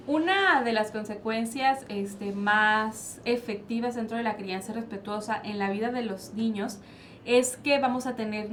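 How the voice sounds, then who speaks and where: Woman, Mexican accent, psychologist, explanatory, higher voice, light noise. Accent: Mexican Spanish. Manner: explanatory, asks and answers her own questions. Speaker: child psychologist guest. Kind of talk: panel discussion. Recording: faint background noise.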